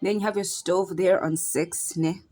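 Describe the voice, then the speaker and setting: Her voice is fairly low and darkish, with fairly even intonation and a normal speed. She's a young South African cooking vlogger who chants a playful sing-song while stirring as she explains a recipe in an easygoing tutorial.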